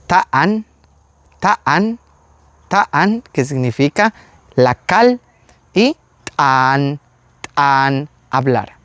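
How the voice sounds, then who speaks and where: Man slowly teaching pronunciation. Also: a little high, no echo. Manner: slow, deliberate, repeats each word several times. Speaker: Maya language teacher. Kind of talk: pronunciation lesson.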